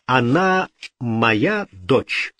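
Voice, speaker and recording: A man's voice: medium pitch, big pitch swings, very slow, pushed and bright, no echo, full character voice. A man voicing an insistent old man who fiercely claims a girl as his daughter. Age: older. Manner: insistent, swearing oaths. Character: old man, stubborn, fervent father.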